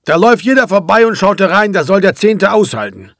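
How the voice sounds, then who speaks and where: A man reading a novel aloud, voicing a huge, proud and irritable man on a ship who talks in a loud, brusque, clipped way. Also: sits high, big pitch swings, brisk, no room sound, clean studio sound, pitched above the performer's own voice, heavily acted.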